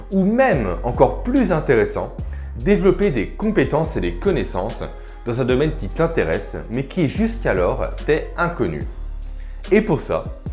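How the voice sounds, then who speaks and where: Animated French-speaking career vlogger man. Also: medium pitch. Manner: lively, chatty, informal. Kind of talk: casual advice vlog addressing the viewer.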